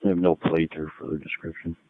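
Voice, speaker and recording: A man working as a police dispatcher, giving measured, clipped procedural calls over two-way radio. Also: a bass voice, flat delivery, no echo. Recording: dull, lo-fi scanner feed.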